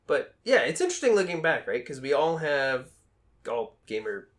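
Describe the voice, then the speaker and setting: A man's voice: mid-range voice, very animated, normal speed, a bit bright. A man in his thirties with a Boston accent, co-hosting a casual gaming podcast with a joking, rambling manner. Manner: joking, rambling, self-deprecating. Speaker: podcast co-host. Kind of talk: casual chat.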